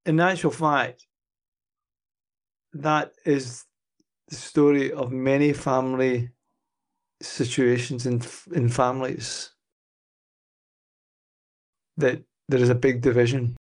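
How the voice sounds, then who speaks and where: A man with a Scottish accent co-hosting a podcast and retelling a story in an animated, chatty way. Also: medium pitch, slow, long pauses. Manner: animated storyteller, chuckles and uses Scots words. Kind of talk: casual podcast discussion.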